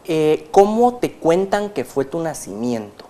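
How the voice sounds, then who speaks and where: A man's voice: a little high, very animated, unhurried, mellow, slight background noise. A man hosting a religious TV interview, formal and welcoming in how he talks. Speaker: TV program host.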